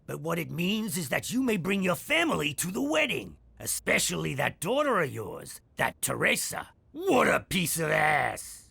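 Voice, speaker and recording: A raspy old mob boss. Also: male voice, on the high side, huge pitch swings, normal speed, few pauses, bright, forceful tone, dry recording, exaggerated voice. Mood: grandiose.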